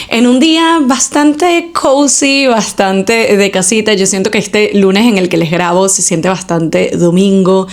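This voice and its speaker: A Venezuelan woman in her thirties talks to her listeners in a casual solo podcast. Her voice sits at a middle pitch, and her talk is chatty, with English words slipped into her Spanish. She records indoors at home. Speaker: podcast host.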